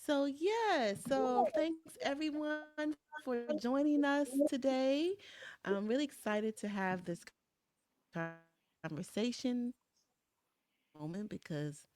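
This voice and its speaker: A woman hosting an online interview from her home studio, upbeat and often pausing on "um". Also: high-pitched, animated, darkish tone. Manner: upbeat, frequent "um" fillers. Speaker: host. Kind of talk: webinar interview. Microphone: video call.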